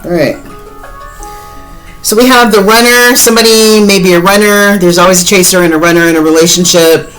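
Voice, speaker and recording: A woman's voice: medium pitch, steady tone, fairly quick, a bit bright, soft background music, poor audio. A woman, chatting directly to viewers in a casual tarot reading, with many fillers. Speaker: tarot reader.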